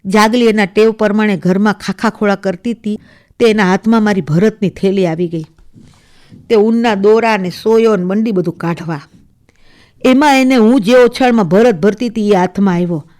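Woman reading a radio story serial. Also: medium pitch. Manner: steady, measured first-person storytelling. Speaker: story reader.

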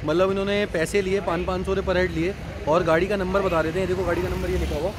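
A young adult man with a high, fairly flat voice talks fast, casually explaining things to the camera and repeating himself like a travel vlogger. He records on a phone held at arm's length, first outdoors near roads and parking and later inside a parked jeep, with background noise throughout.

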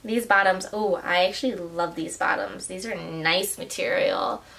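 A woman's voice: lowish voice, moderate pace, vocal fry. A woman talking casually in a try-on haul vlog, chatty and gushing, with plenty of "like" and "oh my gosh.". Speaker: vlogger.

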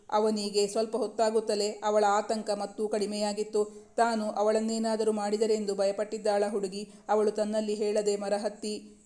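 A woman narrating a romance novel in a measured, literary storytelling manner. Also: medium pitch, dark tone.

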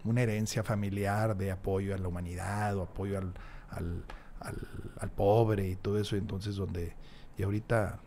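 A man's voice: low-pitched, steady tone, normal speed, dark tone, slight background noise. A man, a podcast guest talking reflectively and emphatically with frequent restarts, on a desk mic in a small studio. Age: 60s. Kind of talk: casual interview chat. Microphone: large desk mic, headphones.

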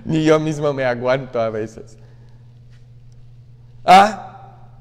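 A man, a priest, preaching a sermon in a conversational way, often tossing in quick asides to the congregation. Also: a little high, in a large hall. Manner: conversational preaching with frequent "¿ah?" asides and acted quotes. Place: church.

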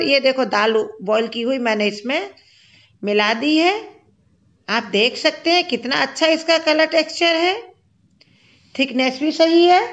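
A woman's voice: high-pitched, fairly bright tone, dull audio. A woman hosting a cooking channel, explaining each step of a home recipe in a chatty voice-over from her kitchen.

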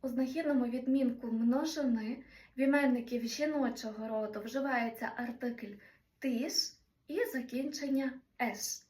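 A woman teaching a language lesson, explaining grammar and slowly spelling out example sentences. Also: a little high, darkish tone, roomy sound, far from the mic. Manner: slow, careful spelling-out of Greek examples.

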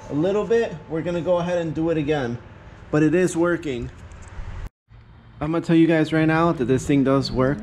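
In a garage with the door open to the outdoors, a man reviews a tool hands-on while working on a car, narrating casually to viewers via a head-mounted camera. He has a fairly high-pitched voice with a darkish tone, and there's a slight hiss or hum.

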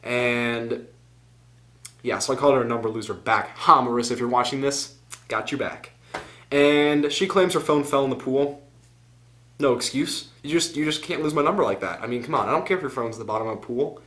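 A man's voice: medium pitch, fairly quick, fairly bright tone. Rambling teenage boy vlogging to camera. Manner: rambling, goes off on tangents, self-mocking. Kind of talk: casual vlog.

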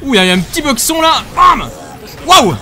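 A man commentating his own game as he plays, excitable, swearing, laughing and yelping loudly. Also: extremely high pitch, quick pace, some chatter behind. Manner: excitable, swears and laughs often, loud yelps. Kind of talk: let's play commentary.

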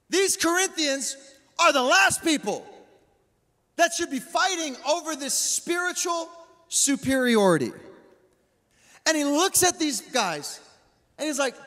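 Male pastor, 30s, high-pitched, animated slangy delivery, handheld mic, long hall reverb. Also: slow, long pauses. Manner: animated, slangy, call-and-response with the crowd. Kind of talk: energetic sermon. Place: large church stage, indoors.

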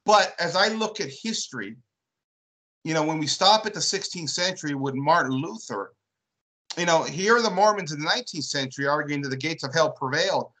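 A man co-hosts a casual discussion on church history. His voice is bright and forceful. He works through his points aloud and often checks in with "right?". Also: a little high, a little fast, low-quality recording. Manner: thoughtful, builds questions with repeated "right?". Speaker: co-host.

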